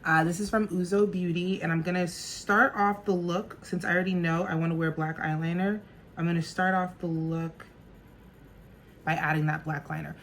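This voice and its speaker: Bubbly thirties woman, lower voice, vlogging at home with faint background hiss. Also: steady tone, normal speed. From New Jersey. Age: 30s. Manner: bubbly, chatty, laughs often. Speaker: makeup artist and vlogger. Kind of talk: casual get-ready-with-me chat.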